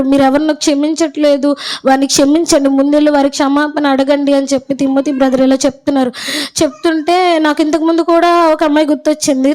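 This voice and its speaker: Young woman, high voice, heartfelt church testimony. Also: a little mellow. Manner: emotional, earnest storytelling. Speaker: church member giving a testimony. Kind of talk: personal testimony at a church gathering.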